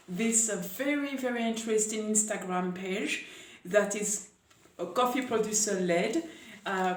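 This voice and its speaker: Woman chatting in an echoey room. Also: medium pitch. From Paris, France. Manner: chatty, hesitant with many pauses. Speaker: coffee camp host. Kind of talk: casual video chat. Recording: echoey room, voice a bit far from mic.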